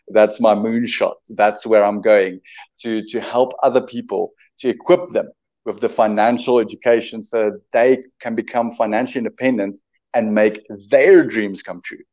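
A South African entrepreneur in his twenties, whose first language is Afrikaans, eagerly joins a casual video-call interview from a room at home, often repeating words as he builds his point. His voice is fairly low and a little mellow, picked up by a webcam mic in dull, lo-fi call audio.

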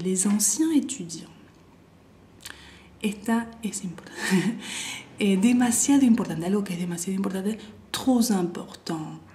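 A young woman giving a language lesson, repeating each example slowly and often softly. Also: medium pitch, a little hiss or hum. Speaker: French teacher.

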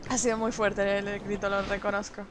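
A young woman with an accent from Spain, commentating her gameplay live and breaking into loud shrieks when startled. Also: mid-range voice, level tone, fairly quick, background noise. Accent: Spain Spanish. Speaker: game streamer.

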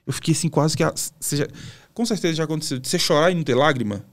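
Speaking rapid-fire in a slightly high voice, a Brazilian man with a Brazilian Portuguese accent tells his personal testimony as a pastor guest on a podcast. He tells it casually and emotionally, as a story, with colloquial asides.

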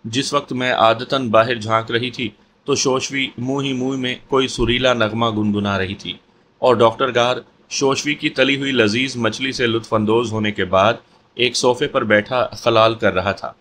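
A man reading a horror audio story aloud as storyteller, in a measured, steady way. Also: mid-range voice, a little hiss or hum. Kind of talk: scripted horror story narration.

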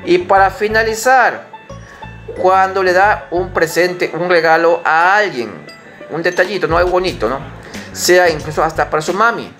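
A middle-aged man teaching young children in an online lesson, coaxing them to repeat phrases slowly. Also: sits high, a bit bright, soft background music. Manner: patient, slow, spelled-out English phrases mixed into Spanish.

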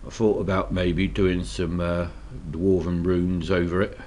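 A deep-voiced Scottish man with a slight cold speaks unhurriedly over slight background noise, casually going through a miniature painting tutorial at his hobby desk. He's relaxed but hesitant, frequently saying um and uh.

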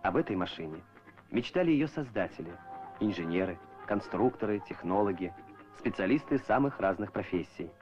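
A man narrating a scripted documentary as an old Soviet newsreel narrator, in a measured, formal announcer style. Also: on the low side, animated, darkish tone. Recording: muffled old film soundtrack with music.

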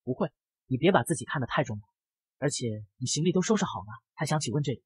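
A man's voice: medium pitch, expressive, fast talker, a little mellow, husky, no room sound. A man voicing an irritable, snappy young rich man, in a comic narration. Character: hot-tempered spoiled young rich man.

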